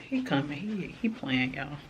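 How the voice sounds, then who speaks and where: A woman's voice: deep voice, lively intonation, unhurried, lo-fi sound, noisy background. A young woman, chatting casually to viewers in a shopping vlog. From Florida. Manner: chatty, addressing viewers as y'all. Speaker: vlogger.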